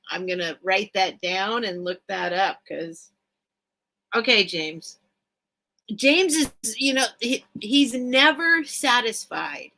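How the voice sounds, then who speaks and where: A woman with a fairly high, bright voice and a forceful tone hosts a casual livestream sale of vintage items, thinking aloud and chatting as she rambles. The recording is rough.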